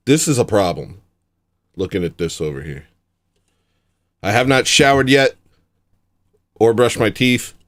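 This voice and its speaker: Low-voiced guy rambling sarcastically on his home livestream, self-deprecating. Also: big pitch swings, measured pace, pauses often, fairly bright tone. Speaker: livestream host. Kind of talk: casual livestream chat. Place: home streaming setup.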